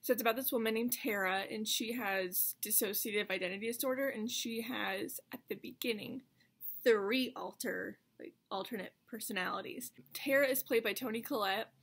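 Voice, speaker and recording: A young American woman talks casually to her camera in a bright, fairly high voice. She wears retainers, which lightly slur her words. She rambles in an animated, self-mocking way, as in a chatty vlog. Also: moderate pace, slightly rough. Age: 20s. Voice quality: slight slur from wearing retainers. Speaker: vlogger. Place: carpeted bedroom at home.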